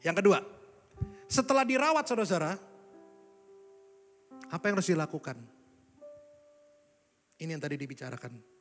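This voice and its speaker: A young preacher, voice on the higher side, delivers a lively sermon. He swings from loud exclamations to quiet asides aimed at the congregation. Recorded live in a large church hall with a long reverb and soft instrumental music underneath. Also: moderate pace, pauses often.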